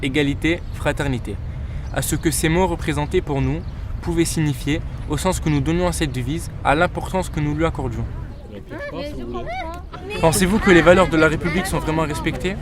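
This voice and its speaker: A young student presenter reciting a reflective text in a measured way, posing rhetorical questions. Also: medium pitch. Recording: outdoor crowd noise behind.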